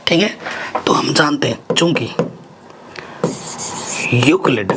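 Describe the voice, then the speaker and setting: A man teaches math at a board, his voice sitting a touch high. He keeps asking his students each next step and then answers it himself. The recording carries steady background noise with the scratch of writing. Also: takes it slowly. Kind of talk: whiteboard math lesson.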